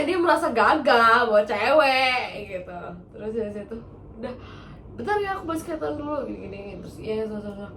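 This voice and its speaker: A woman, casually telling a story on a podcast, animated and acting out the quotes. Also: a little high, distant mic. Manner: animated, acts out quotes, laughs often. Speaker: podcast host. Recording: roomy, off-mic, music behind.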